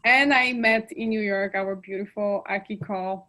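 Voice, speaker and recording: This Polish woman in her thirties is a guest speaking English in a casual chat, expressively listing details and using "like" a lot as filler. Her voice sits at a medium pitch and moves a little slowly.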